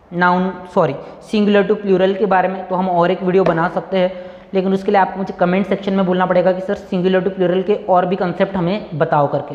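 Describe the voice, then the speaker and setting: A man from India teaching English grammar in Hindi, spelling words out letter by letter and repeating key points for his students. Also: sits high. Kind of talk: Hindi-medium grammar lesson. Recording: echoey room, dull lo-fi sound.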